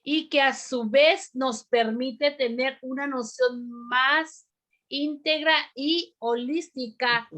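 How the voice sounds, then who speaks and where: Woman preaching slow and careful to her ladies group, kinda high voice, lots of amén. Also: steady tone, fairly bright tone. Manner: slow, deliberate, repeats "amén" and asks the group questions. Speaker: women's ministry teacher. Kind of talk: bible teaching sermon.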